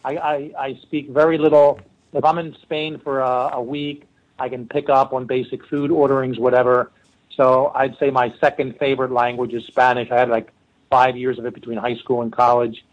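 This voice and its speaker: A middle-aged man with a Philadelphia accent talks at a moderate pace in a medium-pitched voice with little pitch movement, and the audio sounds dull. He's a forensic linguist telling stories in a casual interview, rambling with many fillers and restarts.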